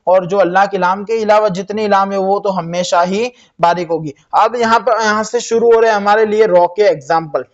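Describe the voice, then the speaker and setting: Man, high voice, Quran reading teacher, spells letters out slowly, answers his own questions. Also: muffled recording. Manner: spells letters slowly, then reads the word drawn out; asks questions and answers them himself, says "theek hai" often. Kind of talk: spelling-out tajweed lesson.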